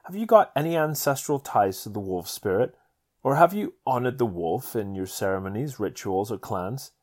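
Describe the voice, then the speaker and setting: A man's voice: lowish voice, expressive, normal speed, a little mellow. Guy doing a serious churchwoman, urgent, voice going up and down a lot. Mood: concerned.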